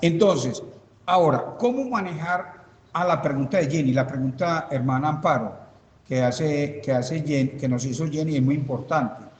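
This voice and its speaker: A pastor leading a Bible study, explaining patiently and talking to named listeners in a casual, conversational way. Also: male voice, on the high side, moderate pace, reverberant, in a large hall, poor audio. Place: church hall.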